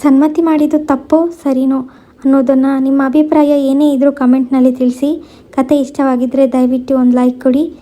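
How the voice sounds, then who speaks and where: A woman storyteller reading a scripted story in a steady, even way, in a dull lo-fi recording. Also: high voice, moderate pace.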